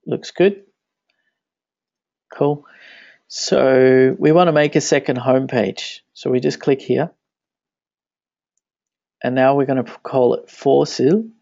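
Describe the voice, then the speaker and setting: In a casual screencast, a web tutorial instructor talks through software step by step, voicing his thoughts with each click. He's a man whose first language is Danish, speaking English in a mid-pitched, somewhat gravelly voice. Mouse clicks can be heard on a dull, dry recording without any room sound.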